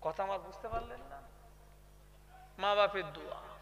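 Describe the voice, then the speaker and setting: A young man with a West Bengal Bengali accent preaching a live sermon. He keeps asking the crowd to answer him, and swings between quiet chat and loud, chanted outbursts. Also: high voice, moderate pace, gravelly, lo-fi sound. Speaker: Islamic preacher. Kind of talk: live sermon at a religious gathering.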